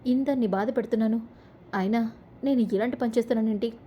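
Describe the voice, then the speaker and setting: A woman's voice: fairly high pitch, fast talker, dull audio, a little hiss or hum, natural voice. A woman reading the lines of a middle-aged mother who questions herself anxiously, in a serial recap. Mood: troubled.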